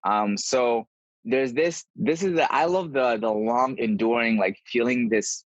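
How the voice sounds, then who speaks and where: Over dull, lo-fi video call audio, a man guesting on a podcast talks about his experiences as an endurance runner, casual but earnest in his answers. He has a mid-range voice, speaks a little slowly, and the recording is dry.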